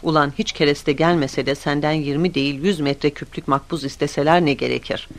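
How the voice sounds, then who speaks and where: A short-fused construction boss barks and sneers at his workers with loud, impatient scorn. A man puts him on as he reads the story aloud, in a slightly raised voice. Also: fairly high pitch, steady tone, a little fast, close to an everyday voice. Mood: dismissive. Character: hot-tempered bossy male construction boss.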